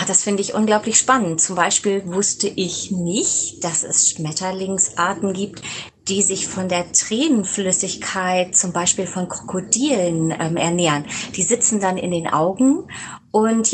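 A woman's voice: mid-range voice, a little hiss or hum. A woman author answering interview questions, thinking aloud as she goes.

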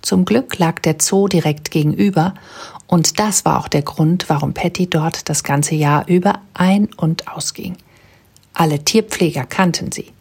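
A woman narrating a children's storybook in a calm, even storytelling manner. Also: sits low, husky.

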